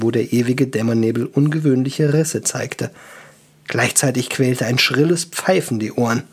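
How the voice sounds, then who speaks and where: A man reading a comic fantasy story aloud as narrator, lively and expressive. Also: mid-range voice, breathy edge.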